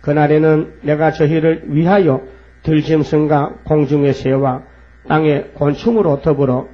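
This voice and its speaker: A man's voice: fairly high pitch, flat delivery, unhurried. A man preaching a fervent sermon. He reads scripture aloud and keeps asking and answering his own rhetorical questions. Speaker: pastor. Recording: dull lo-fi recording with mains hum.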